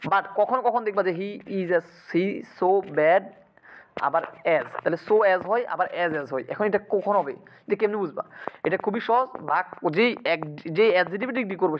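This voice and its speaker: Fast, high-voiced grammar teacher. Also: male voice, lo-fi sound. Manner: keeps checking students understand with quick asks. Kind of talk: exam-prep lecture.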